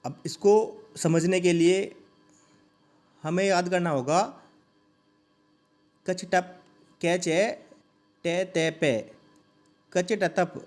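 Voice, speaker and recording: A man teaching a grammar lesson, saying each sound slowly and asking listeners to repeat it. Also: high voice, steady tone, soft background music.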